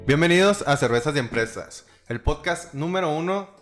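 A man's voice: fairly high pitch, expressive, moderate pace, music in the background. A man hosting a casual podcast over beers, joking and slangy, with lots of fillers and restarts. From Chihuahua, Mexico. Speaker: podcast host.

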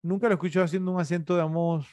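Opinionated man, higher voice, dry sound. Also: steady tone, rapid-fire, a little mellow, dry recording. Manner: opinionated, questions the others. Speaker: podcast co-host. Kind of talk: casual film chat.

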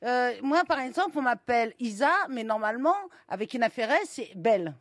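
High-voiced flustered woman panelist. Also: lively intonation, dry recording, clean studio sound. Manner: stumbling, halting, restarting explanations. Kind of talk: flustered explaining on a radio game show. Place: radio studio.

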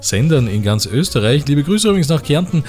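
A man's voice: fairly high pitch, big pitch swings, a little fast, a little mellow, faint music behind. A man co-hosting a radio comedy show, playing the dry, teasing straight man. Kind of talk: absurd comedic banter.

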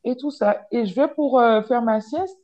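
A woman telling a dating story in casual chat, lively and full of fillers, acting out what people said. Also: a little high, moderate pace. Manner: animated, acts out quoted lines, many fillers. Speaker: podcast storyteller. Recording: dull lo-fi sound.

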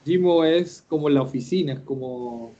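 A man runs a casual online class, talking in a chatty, encouraging way and often repeating himself. His voice sits a little high and sounds mellow. The call audio is dull and lo-fi. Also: moderate pace. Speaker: host and Japanese teacher.

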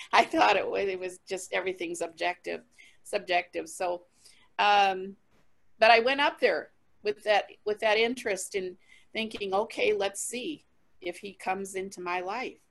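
A woman's voice: mid-range voice, gravelly. Woman telling her testimony with laughter. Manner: candid and lively storytelling, with frequent laughter and restarts. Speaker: interview guest, traveling minister. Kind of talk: personal testimony in a conversational interview.

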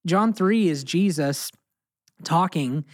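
Slightly high-voiced and slow, this American Bible teacher co-hosts a relaxed podcast discussion of scripture. He talks with earnest emphasis and tends to say key phrases twice to drive them home.

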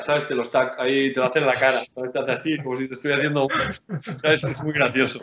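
A man, a basketball player chatting as a guest in an interview, animated, rambling and slangy. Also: mid-range voice. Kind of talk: casual interview chat. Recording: roomy, dull lo-fi sound.

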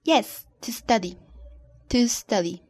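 A woman co-hosting an English lesson, reading model answers in a careful, deliberate way. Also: a little high, lively intonation, slightly rough. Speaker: co-host answering the teacher's questions. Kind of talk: scripted bilingual lesson dialogue.

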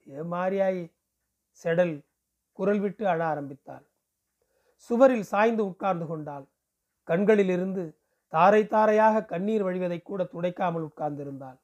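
A man from Puducherry narrating a novel aloud. His voice sits high for a man, and he reads with a steady, expressive pace. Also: normal speed, long pauses. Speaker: audiobook reader.

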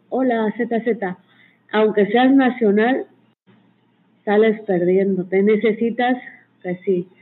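A woman giving earnest, step-by-step advice over a call-in chat. Her voice is slightly husky and sounds thin, like it is coming over a phone. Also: medium pitch. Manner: earnest, advising. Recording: tinny phone line.

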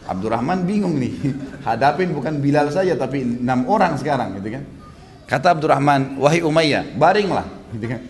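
A man preaching a sermon in a casual storytelling way, acting out the quoted lines with a raised voice and dropping back after each. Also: a little fast. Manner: lively, acts out quoted lines with raised pitch; casual with frequent tag phrases. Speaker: Islamic preacher.

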